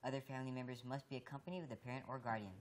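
A teenage student news anchor reading school announcements in a brisk, matter-of-fact way. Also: female voice, extremely low pitch, fairly even intonation. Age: teens.

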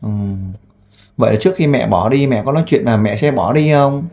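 A man who works as a volunteer interviewer. He asks gentle, coaxing questions and makes an earnest appeal with frequent fillers. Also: mid-range voice, fairly quick, faint music behind. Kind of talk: on-the-spot interview and appeal to camera.

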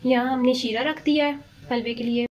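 Warm-voiced woman hosting a cooking tutorial. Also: fairly high pitch, brisk, muffled recording. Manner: calm step-by-step instructions, polite formal address to viewers. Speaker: cooking channel host. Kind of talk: home recipe tutorial.

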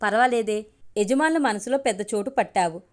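A woman's voice: on the high side, fairly quick, close to an everyday voice. A woman voicing a gossipy male security guard in a storybook reading, confiding and chatty.

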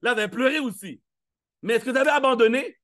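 A man's voice: extremely high pitch, fast talker, bright, forceful tone. A man giving a live motivational talk, playful and interactive, firing questions at the audience and acting out little scenes. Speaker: motivational speaker. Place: live event stage.

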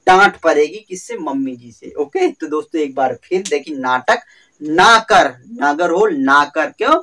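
A man's voice: on the high side, a bit bright, recorded from a distance, low-quality recording. A man teaching a general-knowledge exam lesson, explaining memory tricks with repetitive, sing-song emphasis and calling his viewers friends. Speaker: quiz teacher.

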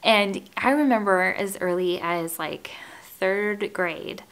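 A home and lifestyle YouTuber in her thirties chats casually to the camera from her living room with wood floors, framed chest-up, in a get-to-know-me video. Her medium-pitched voice is breathy, gentle, and calming, moving slowly with light laughs. The recording is rough.

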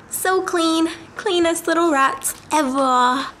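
A woman's voice: extremely high pitch, a bit bright, a little hiss or hum. A woman cooing baby talk to her pets at home, affectionate and giggly. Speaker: pet owner.

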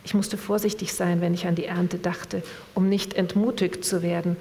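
A woman reading from a novel in a measured, expressive way, then asking an author a question at a public reading event. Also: lowish voice. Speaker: reader and moderator. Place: event hall. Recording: long reverb of a hall.

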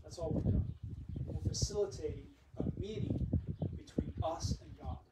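A pastor preaches at a camp meeting in a fairly high voice. He swings between emphatic, ringing declarations and quiet, conversational asides. The recording is roomy and distant, with clear background noise. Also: normal speed. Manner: conversational, with frequent asides to the audience. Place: large hall or tent at a camp meeting. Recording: echoey, noisy room recording from a distance.

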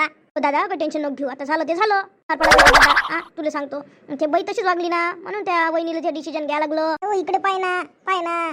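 A woman tells a family story in a chatty way. She repeats herself often, reassures the others and gossips about the family. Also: extremely high pitch. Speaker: storyteller voicing family members. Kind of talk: conversational family skit.

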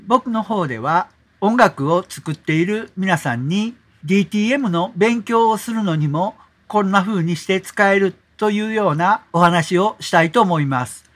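A middle-aged man with a Kansai accent, relaxed and explanatory, walking viewers through an app as a tutorial host. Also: high voice. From Kansai, Japan.

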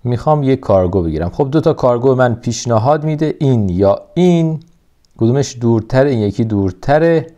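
A man giving casual, excited commentary over a mobile truck game, coaxing the truck along. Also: medium pitch. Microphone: phone recording.

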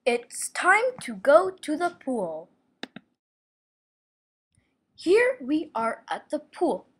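A woman's voice: sits high, wildly swooping pitch, very slow, fairly bright tone, exaggerated voice. A woman voicing a fussy, prim male protocol droid who reviews a gym in a homemade toy video, often saying "oh my". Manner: prim, easily flustered, says "oh my".

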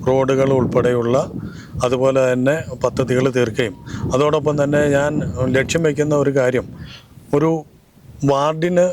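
Male local candidate in an interview, mid-pitched, earnest, methodical. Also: flat delivery, background noise. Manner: earnest, measured, lists plans point by point. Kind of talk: interview answers.

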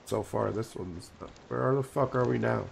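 A man's voice: medium pitch, normal speed, vocal fry. A young man chatting casually as he plays a game with friends. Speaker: gamer playing with friends. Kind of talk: casual gaming chat.

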